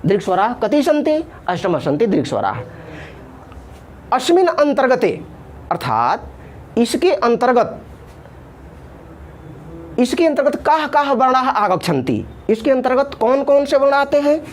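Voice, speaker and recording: A woman's voice: high voice, sing-song, measured pace, long pauses, a little hiss or hum. A woman teaching a Sanskrit grammar lesson, patiently repeating each term first in Sanskrit and then in Hindi, and drawing out the vowel sounds as she says them. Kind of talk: classroom lesson explaining at a board.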